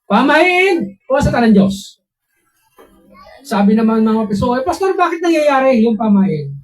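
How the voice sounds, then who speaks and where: A man preaching a sermon as a pastor, telling personal stories in an animated way and putting questions to his listeners. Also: high voice, poor audio. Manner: animated storytelling, voices quotes, asks listeners questions.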